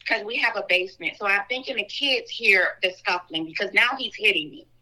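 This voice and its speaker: A woman guest in an interview telling a personal story in an earnest, fast way, full of "like" and "so". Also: medium pitch, expressive, bright, forceful tone, poor audio. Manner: earnest, talks fast with frequent "like" and "so".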